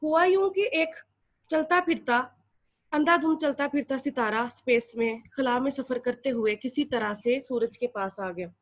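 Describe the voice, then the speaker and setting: A woman's voice: high voice, a little slow. A young woman with a Pakistani accent teaching an English lesson, explaining word by word and switching between Urdu and English. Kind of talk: classroom lecture.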